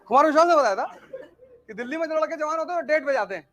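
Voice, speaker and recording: A man giving a humorous motivational talk, telling stories with animated swings between loud and hushed delivery. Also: very high voice, racing, faint music behind. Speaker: motivational speaker.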